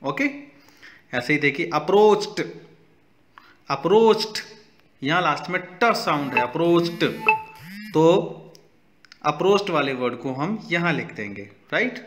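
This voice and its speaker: A man's voice: fairly high pitch, expressive, fairly bright tone, a little hiss or hum. A male teacher with an Indian accent, walking students through a textbook exercise and repeating each word aloud. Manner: slow, repeats words aloud, switches between English and Hindi.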